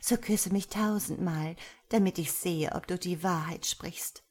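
A woman voicing a scornful noble lady who teases a freezing suitor with mock sweetness, in a breathy voice, for a storybook reading. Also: on the low side, a little slow, a little mellow. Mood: teasing. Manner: teasing, sly, mock sweetness.

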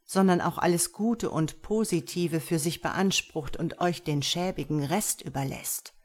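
Woman narrator doing a scornful male angel, low voice, lofty, mocking, audiobook. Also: unhurried, darkish tone. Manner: scornful, lecturing, rhetorical questions. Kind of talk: audiobook character reading.

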